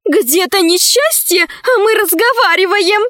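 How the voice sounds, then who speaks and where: This is an excitable young storybook woman, voiced by a woman narrator, eager and quick to exclaim. Her voice rides high and swoops widely, close and dry. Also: no room sound. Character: lively, emotional young woman.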